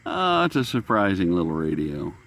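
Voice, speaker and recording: Very animated at a normal speed, this radio hobby channel host muses aloud in a folksy, rambling style during a casual, unscripted demonstration. His voice sits low with a fairly bright tone, and a shortwave radio can be heard being tuned behind him.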